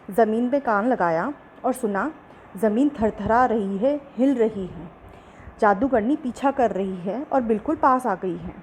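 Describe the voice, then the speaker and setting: Female storyteller, slightly high pitch, expressive bedtime-story read, faint hiss under the voice. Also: low-quality recording.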